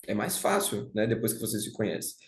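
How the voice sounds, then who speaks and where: A man's voice: fairly low pitch, big pitch swings, fairly quick. A young man with a Brazilian Portuguese accent giving a thoughtful spoken talk on music, often adding "né?" and restarting phrases. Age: young adult. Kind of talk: reflective spoken lecture. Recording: roomy echo.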